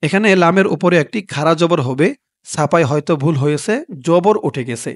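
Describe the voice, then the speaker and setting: A man giving a step-by-step recitation lesson, patiently spelling out sounds letter by letter and chanting the words slowly and drawn out. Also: a little high, no room sound, studio quality. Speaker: religious teacher.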